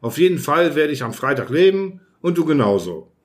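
A man doing a calm, matter-of-fact spaceman. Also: on the high side, brisk.

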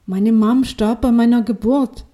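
A woman's voice: fairly high pitch, steady tone, unhurried, dark tone, close to an everyday voice. A woman voicing an emotional, stubborn young woman who speaks in an agitated, sulky way.

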